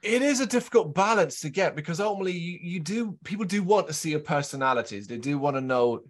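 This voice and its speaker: A man hosting a podcast interview, asking measured, thoughtful questions. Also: on the high side, lively intonation.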